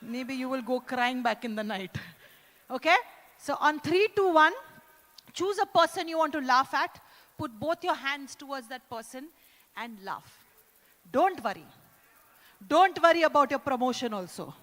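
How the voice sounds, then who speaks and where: A woman with an Indian English accent hosting a corporate live event, teasing the crowd and leading loud cheers and laughter. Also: sits high, animated, unhurried, long pauses. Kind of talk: energetic live event hosting with audience exercises. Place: large indoor event hall. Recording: echoey hall sound.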